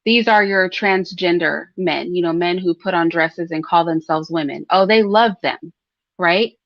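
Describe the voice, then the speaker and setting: A woman with a lowish voice talks in an unhurried way, delivering solo opinion commentary as the host of a livestream, speaking informally to listeners and using rhetorical tag questions. She keeps clearing her throat. Expect a close, dry, echo-free sound that is dull and slightly lo-fi.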